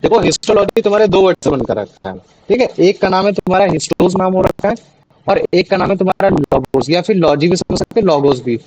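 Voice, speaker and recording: A man's voice: sits high, animated, fairly quick, a little mellow, a little hiss or hum, rough recording. A young man tutoring students in a class, explaining patiently with many fillers and restarts. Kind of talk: online class teaching in Hindi.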